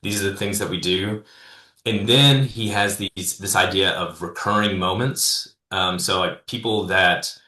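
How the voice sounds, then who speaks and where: Guy with a deep but bright voice, rambly storyteller, echoey room. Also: a little slow. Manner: rambling, many fillers and restarts. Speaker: guest, consultant and speaker. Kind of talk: casual storytelling interview.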